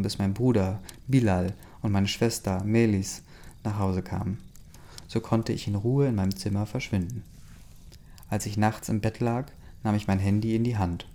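A man reading a first-person story aloud in a steady, plain way. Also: lowish voice, moderate pace. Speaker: audiobook reader.

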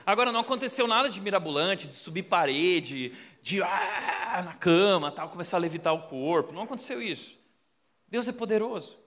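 A man preaching a sermon as a pastor, telling stories animatedly and acting out the voices, moving between loud and hushed delivery. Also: high-pitched, brisk, big-room sound. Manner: animated storyteller, acts out quotes, shifts between loud and hushed. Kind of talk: sermon with storytelling.

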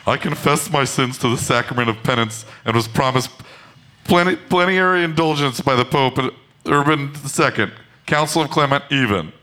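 A man's voice: mid-range voice, moderate pace, pushed and bright, natural voice. A man voicing a teenage boy who talks like an ancient, tormented spirit, in a mock-solemn comedic read. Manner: mock-solemn, grandiose delivery. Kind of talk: comedic scripted read-through.

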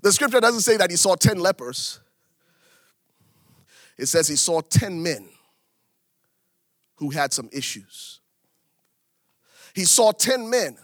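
A middle-aged Liberian pastor preaches in a bright, forceful voice that is a little high for a man. He repeats phrases for emphasis and swings his pitch and volume dramatically, all captured in a close, dry recording with no echo.

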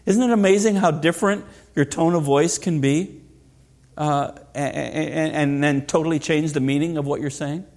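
A man's voice: on the high side, moderate pace, darkish tone. A middle-aged man preaching a sermon as pastor, earnest and asking rhetorical questions.

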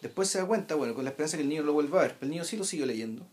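A man's voice: fairly high pitch, expressive, racing, darkish tone. A man with a Chilean accent, explaining a film emphatically in a casual discussion. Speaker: film commentator.

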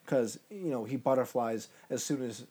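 A man's voice: mid-range voice, moderate pace, dark tone, slightly rough. A man with a mid-range voice co-hosts a loose sports podcast. He rambles, restarts, and loses track of names mid-sentence. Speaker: podcast co-host. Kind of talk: casual sports chat.

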